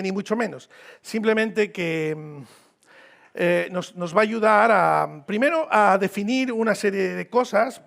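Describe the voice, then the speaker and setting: A man's voice: high-pitched, creaky, fairly bright tone. A man from Mexico with a Mexican accent, preaching a sermon as a visiting pastor in a church, informal and joking, repeating phrases for emphasis. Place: church hall.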